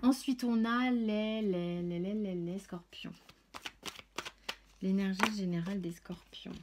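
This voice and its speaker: A woman's voice: medium pitch, fairly even intonation, slow, background noise. A woman doing a casual tarot reading, talking chattily with many fillers and restarts. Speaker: tarot reader.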